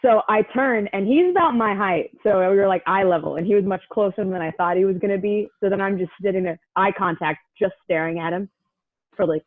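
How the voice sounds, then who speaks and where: A woman's voice: mid-range voice, brisk. A young woman tells a story in a loose, chatty way, filling it with "like" and acting out what others said. The sound is thin and tinny, as if over a phone line, with no room echo. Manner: chatty, many "like" fillers, acts out quotes. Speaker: guest. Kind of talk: casual storytelling.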